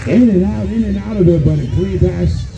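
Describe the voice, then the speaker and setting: A man's voice: high-pitched, moderate pace, creaky, dull audio, music in the background. A man announcing races in tractor pull style, calling out to the crowd as a track announcer. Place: outdoor dirt drag racing track. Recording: loud engine and vehicle noise. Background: engines and outdoor track ambience.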